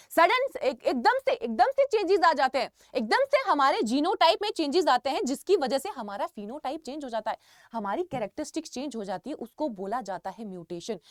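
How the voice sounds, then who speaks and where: A woman's voice: fairly high pitch, no room sound, studio quality. A young woman with an Indian accent giving an online lecture to students, repeating key points with emphasis and calling them kids. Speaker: teacher.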